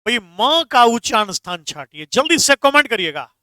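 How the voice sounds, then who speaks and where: A man's voice: very high voice, very animated, normal speed, bright, forceful tone, no echo, clean studio sound. A man teaching a Hindi grammar class online, stressing key words and answering viewers' comments.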